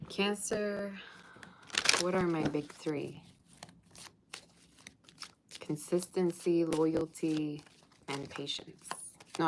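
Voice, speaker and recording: Against background noise, a low-voiced Russian woman reads tarot on a livestream, chatting teasingly, reading out viewers' comments, and singing snippets of old songs.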